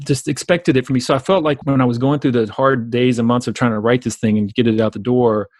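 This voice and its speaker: Over a remote call, a Southern-accented business coach gives a conversational podcast interview in a steady, slightly mellow mid-range voice. He's a fast talker, emphatic and repetitive, stringing thoughts into long run-ons, with no echo on the audio.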